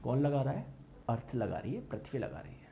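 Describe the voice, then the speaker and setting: A man's voice: medium pitch, big pitch swings, a little fast, vocal fry, dark tone, slight background noise. A man teaching a physics lesson to exam students with lots of energy, repeating words for emphasis and asking the class yes-or-no questions.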